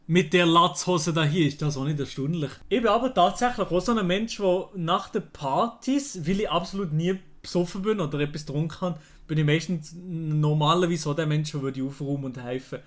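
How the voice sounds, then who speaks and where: Swiss german guy streaming, kinda high voice, casual and exclamatory, throws in english slang. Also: brisk. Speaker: livestream host reacting. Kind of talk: casual livestream chat.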